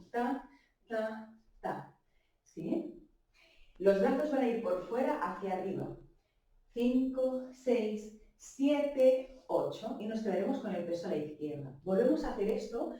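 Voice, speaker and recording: Slow, mellow Spanish woman teaching dance. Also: fairly high pitch, animated, recorded from a distance. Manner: counts beats aloud, checks in with frequent "¿sí?". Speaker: bellydance teacher. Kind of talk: dance class instruction. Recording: echoey room, voice from away from the mic.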